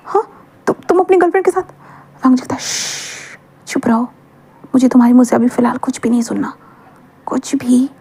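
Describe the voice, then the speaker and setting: A woman's voice: on the high side, creaky, warm tone. A woman casually retelling a fan fiction story, mixing English words into her narration.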